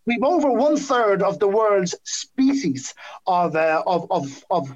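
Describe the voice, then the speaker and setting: High-voiced Irish man explaining. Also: lively intonation, dull audio. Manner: halting, repeats words as he explains. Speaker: guest expert on whales and dolphins. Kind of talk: conversational explaining in a podcast interview.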